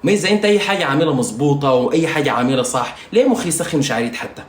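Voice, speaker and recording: Man, Sudanese Arabic accent, rapid rambling rant, mocking and insulting, slightly high voice, echoey room. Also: lively intonation. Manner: rambling, mocking, insulting, with frequent "you understand?". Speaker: singer vlogging while doing makeup. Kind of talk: casual ranting monologue to viewers.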